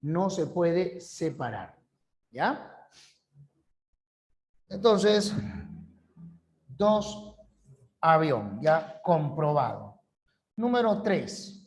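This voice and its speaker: A man's voice: fairly high pitch, big pitch swings, very slow, pauses often. A male language teacher giving an online class lecture, repeating key rules and checking understanding with short questions.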